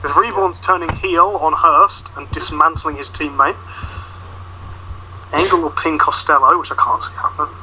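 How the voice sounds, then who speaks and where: A man's voice: a little high, fairly even intonation, moderate pace, pushed and bright, a little hiss or hum, rough recording. A man bantering casually and teasingly as a podcast guest. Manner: joking, teasing.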